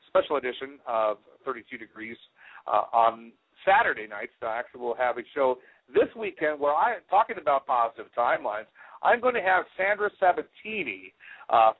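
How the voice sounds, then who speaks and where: With a medium-pitched, slightly rough voice, a man in his forties runs a radio show, casually meandering through announcements and frequently hesitating. He uses a headset mic, and the recording has a band-limited, phone-like internet radio quality.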